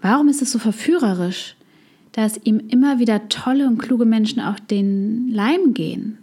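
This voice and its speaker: A woman psychologist hosting a self-help podcast, speaking in a calm, scripted way straight to the listener. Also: fairly high pitch, moderate pace.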